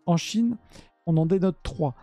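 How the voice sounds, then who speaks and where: Guy streaming, dark mellow voice, lots of ums and restarts, faint music behind. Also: on the high side, measured pace, no room sound. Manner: chatty, hesitant, many fillers and restarts. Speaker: streamer presenting Japanese art and myths. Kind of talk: casual live-stream talk.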